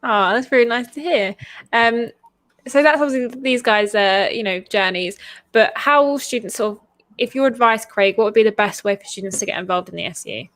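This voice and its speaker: A woman's voice: fairly high pitch, fairly quick, a bit bright, no room sound. A woman hosting a casual online interview, upbeat and encouraging. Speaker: host.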